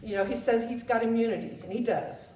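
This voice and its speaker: A woman's voice: on the high side, fast talker, warm tone, slight background noise. Woman, public commenter at a town hall, indignant and urgent, heard from a distance in an echoey room. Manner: indignant, urgent, addressing her congressman directly. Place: museum meeting room.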